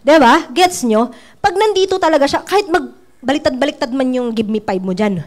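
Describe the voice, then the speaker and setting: A woman's voice: high voice, animated, normal speed. A woman business trainer giving a casual training talk, chatty and playful with teasing asides.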